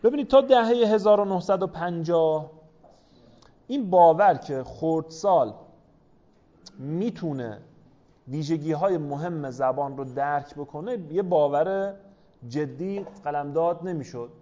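A man's voice: fairly high pitch, dark tone. A man lecturing a class, explaining step by step and asking rhetorical questions of his listeners. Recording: dull lo-fi recording.

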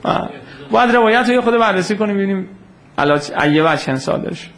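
A man giving an informal lecture on religious history, telling the story lively and answering questions from his listeners. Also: high-pitched. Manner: animated storytelling, acts out quoted voices, takes audience questions.

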